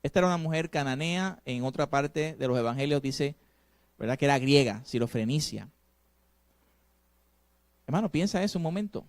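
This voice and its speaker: Male pastor preaching a sermon, kinda high voice, goes loud then soft, keeps asking the crowd questions, dry close sound. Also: lively intonation, normal speed, long pauses, no room sound. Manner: emphatic preaching with sudden swings between loud and soft; addresses the congregation directly with rhetorical questions.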